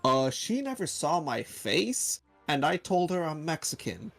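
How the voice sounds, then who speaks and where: A man with a gravelly, creaky voice chats casually while playing a game on a friend's stream. He drifts into rambling stories, with faint music underneath. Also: fairly high pitch, sing-song, a little slow. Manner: rambling storyteller. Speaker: guest player. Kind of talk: casual let's-play chat.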